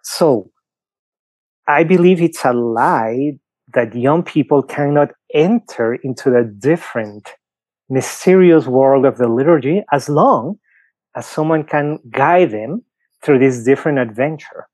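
A priest guest on a podcast, a middle-aged man from Peru, explains his outlook with plenty of fillers and examples in a Peruvian Spanish accent. His mid-range voice is a little mellow and a little slow, recorded without echo.

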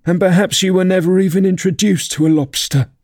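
A sorrowful yet excitable storybook turtle creature, acted by a man, pitched high and wistful. The delivery is dramatic and drawn out, with a soft, mellow tone. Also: moderate pace, slightly rough, no echo, studio quality. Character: mournful, excitable Mock Turtle, an old sentimental sea creature. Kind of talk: children's storybook character reading.

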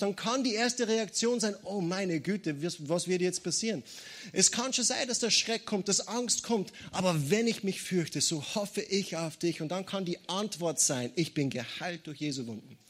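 A man preaching a sermon, lively and jokey, often breaking into calls of praise. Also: sits high.

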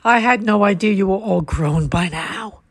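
A frail old man with a throaty voice, gruff and shaken, his words coming haltingly in a storybook reading, as a woman narrator gives him lines. The sound is dry and close, with no room around it. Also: mid-range voice, dry recording. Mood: wistful. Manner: startled, halting.

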